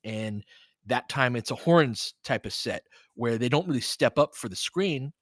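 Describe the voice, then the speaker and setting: A man with a mid-range, fairly bright voice sounds animated yet speaks a little slowly, hosting live basketball commentary as a partisan fan. He mixes clipped play-by-play with easygoing tactical breakdowns, captured at studio quality without echo.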